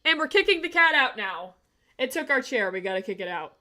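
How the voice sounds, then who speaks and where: A young woman with a bright, sharp-edged voice that sits a little high. She reads a horror visual novel aloud on stream, theatrical and animated throughout. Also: a little fast.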